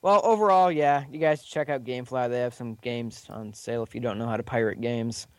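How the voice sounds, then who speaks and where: A man's voice: mid-range voice, a little fast, no echo. A young man hosting a casual gaming podcast, steering the talk and reading out news items.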